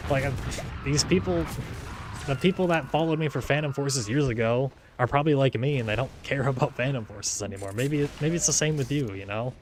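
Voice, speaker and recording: A man's voice: mid-range voice, a little fast, slight background noise. A man in his twenties chatting casually during an online game, rambling with lots of "like"s and restarts and chuckling often. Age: 20s. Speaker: gaming YouTuber. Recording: game gunfire behind the voice. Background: game gunfire and explosions.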